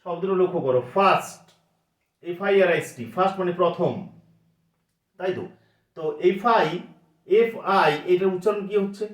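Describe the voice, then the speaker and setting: A man teaching a lesson in a fairly high voice. He repeats sounds again and again and asks himself questions. The room gives a clear echo. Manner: repeats sounds slowly, asks and answers his own questions. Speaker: English teacher. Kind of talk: classroom lesson. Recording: roomy echo.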